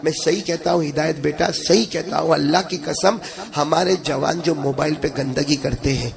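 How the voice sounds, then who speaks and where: A man preaches before a large live crowd, his voice pitched high and rough with gravel. He swings into sung, chanted passages and keeps firing questions at his listeners. The crowd stays audible under his words. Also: steady tone. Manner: addresses the audience directly with questions. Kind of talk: Urdu religious sermon.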